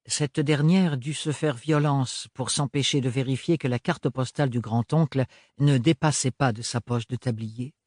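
A man's voice: mid-range voice, moderate pace, a little mellow, no room sound. Man narrating a novel, dry close sound. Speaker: audiobook narrator. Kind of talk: scripted narration.

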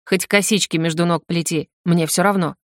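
Brief: teasing, growly young policeman as a woman reads him, husky edge, dry close sound. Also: on the low side, steady tone, moderate pace, dry recording, close to an everyday voice. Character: gruff young male police officer, teasing. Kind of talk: audiobook character voice.

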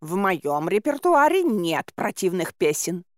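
A woman's voice: fairly low pitch, very animated, unhurried, no room sound. A woman voicing a proud, indignant talking tomcat with a touchy manner, in a dry recording.

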